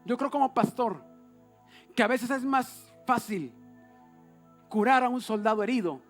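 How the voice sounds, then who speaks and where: A Mexican pastor with a very high voice delivers a sermon. He sinks to near-whispers, then climbs to shouted calls. Soft music plays faintly behind him. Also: measured pace. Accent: Mexican Spanish. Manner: swings from hushed murmurs to shouted exhortation.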